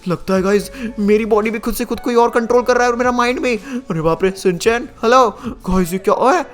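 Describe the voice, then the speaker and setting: A man's voice: very high voice, fairly quick. A young man giving dramatic gameplay commentary, gasping theatrically and constantly talking to viewers. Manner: excitable, theatrical gasps, constantly addressing viewers. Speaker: gaming YouTuber narrating as player character.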